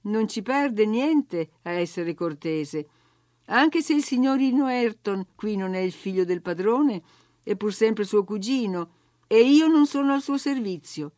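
A woman's voice: mid-range voice, expressive, measured pace, a little mellow, no echo, studio quality, natural voice. A woman voicing a firm housekeeper who scolds and soothes a young girl, in a storybook reading. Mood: reproving. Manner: reproving, firm. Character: stern but kindly female housekeeper, scolding.

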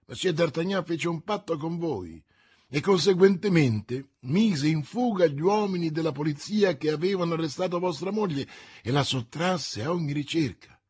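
A man's voice: fairly high pitch, lively intonation, normal speed, husky, no room sound, clean studio sound, pitched above the performer's own voice. Man playing a brusque interrogating commissioner. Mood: stern. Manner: interrogating, brusque, loud commands. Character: stern, blustering male police commissioner.

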